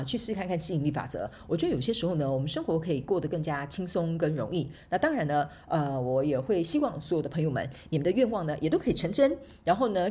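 Chatty woman with a husky voice. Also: low voice. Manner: chatty storytelling, laughs often, tag particles. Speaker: podcast host and motivational speaker. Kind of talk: casual solo podcast talk.

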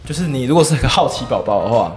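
A man who teaches whisky, explaining tasting in a casual chat, quick and quietly confident. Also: medium pitch, big pitch swings, soft background music. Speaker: whisky instructor.

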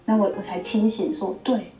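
A woman's voice: medium pitch, fairly even intonation, normal speed. A woman, a student and mother, chatting in a rambling way with lots of fillers. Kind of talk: casual chat. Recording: roomy echo, music under.

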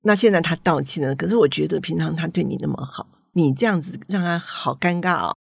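A low-pitched, fairly quick woman's voice, creaky and slightly rough, recorded dry with studio quality. She's an older author with a Taiwanese Mandarin accent, chatting folksily about her grandchildren and acting out family dialogue in storytelling style.

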